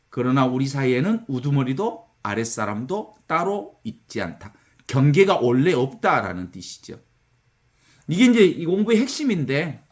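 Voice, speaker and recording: Animated Korean priest giving a talk. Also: male voice, fairly high pitch. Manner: conversational, animated storytelling with acted-out counting. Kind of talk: spiritual lecture.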